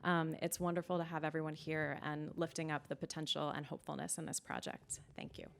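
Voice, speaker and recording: A woman's voice: deep voice, little pitch movement, fairly quick, vocal fry, background noise. A woman from a nonprofit giving an earnest, prepared speech at a building opening, with frequent ums. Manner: earnest, with many filler ums. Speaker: nonprofit leader speaking at an opening.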